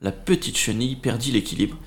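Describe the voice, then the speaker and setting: A man co-hosting a children's show, narrating a story in an expressive, melodic way. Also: medium pitch, a little fast.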